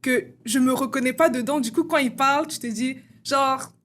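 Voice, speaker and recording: Appearing as a student guest in an interview, a young woman from Congo talks casually, with many fillers such as "genre" and "euh". Her voice sits high with a fairly bright tone, and she speaks at a moderate pace. There is slight background noise.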